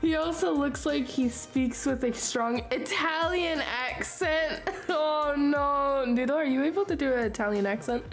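A woman's voice: sits high, measured pace, few pauses, faint music behind. A woman streamer chatting casually with her viewers while she draws, laughing often between remarks. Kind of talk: casual chat during a live art stream.

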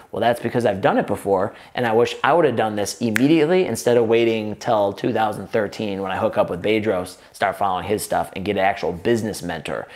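A man coaches would-be gym owners straight to the camera. He talks with lots of energy, stringing run-on sentences together and restarting himself as he goes. He sits at a table in an indoor office room, picked up by an off-camera mic. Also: lowish voice. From United States. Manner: energetic, run-on sentences with frequent restarts, gestures with both hands. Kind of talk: direct-to-camera business advice.

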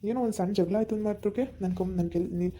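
Rahul, a woman putting on a wounded loyal young man, reproachful questions, voice pushed down low, very dark tone, amateur village drama. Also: steady tone, racing, lightly acted. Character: hurt young man, loyal old friend.

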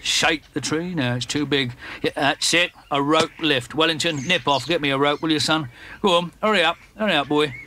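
An actor voicing a practical, bossy older male womble who gives brisk orders in a cartoon. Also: fairly high pitch, sharp tone, slight background noise. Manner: brisk, commanding. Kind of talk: cartoon voice acting.

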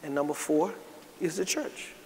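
The pastor's voice is on the high side and darkish, at a normal pace, as he preaches folksily, calls out to the congregation and rises into emphatic bursts. Recorded in a large, echoey church sanctuary with faint noise.

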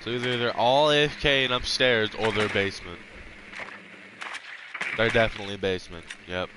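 A man's voice: on the low side, fairly even intonation, normal speed, background noise. A young man giving laid-back, mumbled gameplay commentary while playing, dropping slang as he goes. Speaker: gamer streaming his match.

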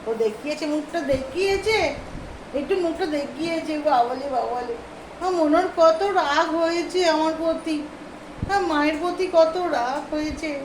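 Woman, high voice, fond coaxing baby talk, home vlog, noisy background. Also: normal speed. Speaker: vlogger talking about her pet. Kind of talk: casual vlog narration. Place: home, indoors.

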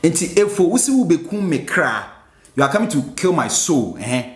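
A man with a Ghanaian accent hosting a music reaction, excitable, breaking into exclamations and slowly repeating lines to explain them. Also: on the high side. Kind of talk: reaction commentary. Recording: roomy echo.

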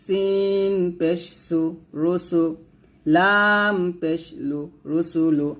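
Slow, drawn-out Bangladeshi male teacher. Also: high voice, a bit bright. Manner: spells each letter with its vowel mark, then blends the syllables. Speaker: Quran reading teacher. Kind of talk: slow spelled-out recitation lesson.

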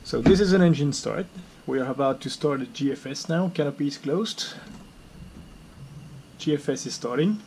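Speaking off screen near the camera, a middle-aged man with non-native phrasing demonstrates the home-built simulator cockpit in his workshop, staying calm and going step by step. His voice sits a little high, his pace is moderate, and he pauses often. The camera mic gives a clear recording with background noise.

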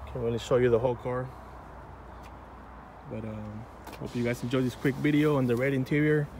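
A man filming on a phone in a car lot, showing viewers a new car in a relaxed, offhand way. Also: medium pitch, moderate pace, slight background noise. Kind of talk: casual walkaround video. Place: outdoor car dealership lot and inside a car. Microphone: phone held in hand while filming.

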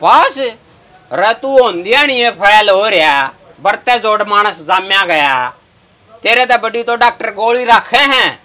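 High, sharp-voiced, scolding Haryanvi bus conductor played by a man. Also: animated, a little slow, exaggerated voice. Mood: mocking, irritated. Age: young adult. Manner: scolding, sarcastic, mocking. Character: brash, insulting young male bus conductor. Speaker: comic actor. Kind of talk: comedy sketch acting. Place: inside a parked bus.

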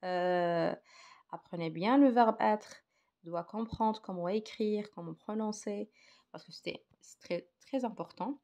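A woman's voice: mid-range voice, a little slow, warm tone. A woman teaching a primary school grammar lesson, hesitant with many fillers, switching between French and Arabic to explain. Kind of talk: recorded grammar lesson for children.

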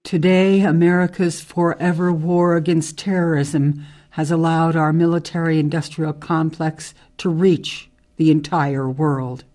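In a radio drama, a woman plays a tough, outspoken ex-military forest ranger who speaks in a measured, emphatic way, grave and critical in mood. Her voice sits low and is dark in tone and steady.

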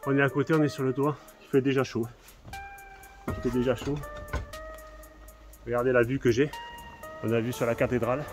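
A hornet nest exterminator in his 30s hosts a video while working outdoors on rooftops and narrow village streets, holding his phone at arm's length. He addresses viewers directly in informal, repetitive vlog commentary. His medium-pitched voice barely moves in pitch and runs fairly quick, with long pauses, while music plays in the background.

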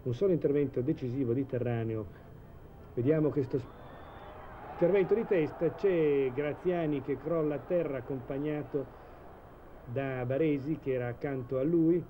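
A man giving measured live football commentary in a 1980s TV broadcast style, hesitating now and then mid-sentence. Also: mid-range voice, narrow, tinny audio. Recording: old TV broadcast, steady stadium noise.

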